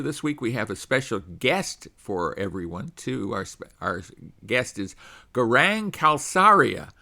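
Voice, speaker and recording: A middle-aged man hosts a radio show, speaking in a bright, forceful voice of mid-range pitch. His manner is loose and conversational, with frequent pauses on "uh." It sounds like he's using a studio microphone.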